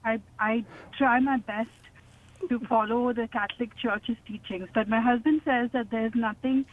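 A woman's voice: on the high side, steady tone, moderate pace. A woman caller phoning in from her car, asking a question hesitantly and stumbling over her words, heard through a clipped phone line. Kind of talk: radio call-in question. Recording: tinny phone line from a car, faint noise.

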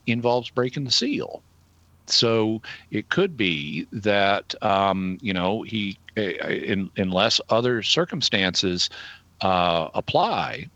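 A middle-aged man with an Arkansas Southern accent, explaining things conversationally in a deliberate, halting, analytical way. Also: on the low side, sharp tone, no echo, highs cut off. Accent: Arkansas Southern American. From Arkansas, United States. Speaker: guest answering listener questions.

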